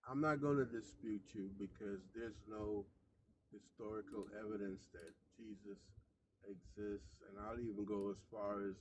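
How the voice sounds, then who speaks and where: A man's voice: fairly low pitch, fairly even intonation, normal speed, a little hiss or hum, rough recording. A man calling in while driving, talking in a rambling, agreeable way. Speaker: caller. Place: in a car, driving.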